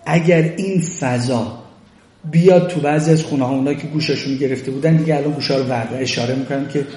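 A man giving a religious lecture on parenting, animated, acting out quoted lines as he talks. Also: mid-range voice, a little hiss or hum. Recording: echoey room.

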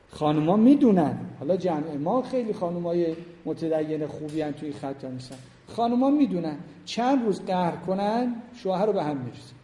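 A man's voice: a little high, mellow. A middle-aged man giving an informal lecture on family life to a class, speaking conversationally and emphatically and putting questions straight to his listeners. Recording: roomy hall with long reverb.

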